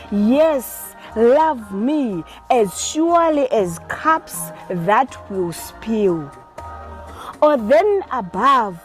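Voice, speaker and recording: A woman with a Zimbabwean accent giving a recorded recitation of poetry. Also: fairly high pitch. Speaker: poet reading a poem. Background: music.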